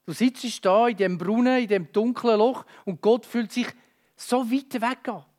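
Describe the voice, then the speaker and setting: High-voiced man preaching with emotion. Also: measured pace. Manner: emotive, dynamic delivery moving between urgent and hushed; speaks directly to listeners. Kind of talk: sermon.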